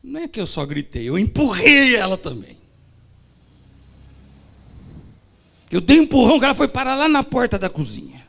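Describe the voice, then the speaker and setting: A man's voice: sits high, sing-song, moderate pace, vocal fry, voice pushed up, exaggerated voice. A man voicing a remorseful male deacon who confesses in an emotional, pleading way. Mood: confessing.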